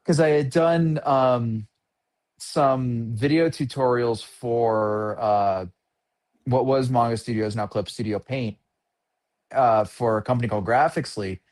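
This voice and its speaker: A man's voice: medium pitch, takes it slowly, darkish tone. A man in his fifties, a guest artist in a casual interview, speaking in an easygoing way with frequent hesitations and ums. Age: 50s.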